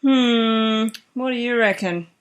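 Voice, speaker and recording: A woman playing a brisk, questioning office woman. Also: fairly high pitch, very noisy. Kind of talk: comic radio sketch.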